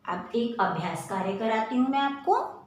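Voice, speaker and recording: A woman teacher giving a children's lesson, drawing words out slowly in a sing-song drill. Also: a little high, lively intonation. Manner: slow, drawn-out, sing-song word drilling. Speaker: primary school teacher. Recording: very echoey room with faint noise.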